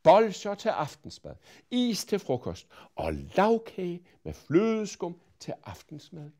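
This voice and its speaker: A man voicing a cheeky, bossy young girl with a high, singsong, mock-serious way of talking. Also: wildly swooping pitch, mellow, heavily acted. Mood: earnest, cheeky.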